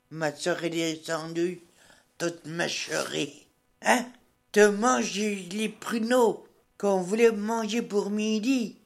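Her voice is mid-range with some vocal fry: an older rural Burgundian woman telling homespun village stories in dialect for a radio column. She talks haltingly and plainly from the studio.

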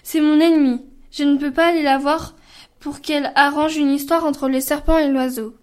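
A woman, a student reader, reading a folk tale aloud with an expressive voice. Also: sits high, moderate pace.

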